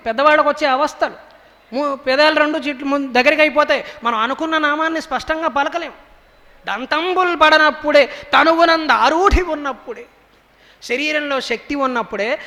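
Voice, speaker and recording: High, bright-voiced young man giving a devotional talk. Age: young adult. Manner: lively storytelling, slowly intoned verse recitation. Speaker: spiritual orator. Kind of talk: devotional discourse with chanted verses. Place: temple hall during a public lecture. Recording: long hall reverb.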